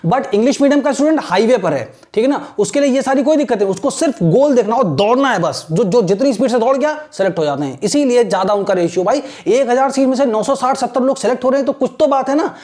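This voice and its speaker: Man teaching slowly with a chatty tilt. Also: very high-pitched, animated, a little mellow. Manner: repeats 'thik hai na', slows right down to spell out English words; urging, motivational. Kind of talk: casual spoken lesson.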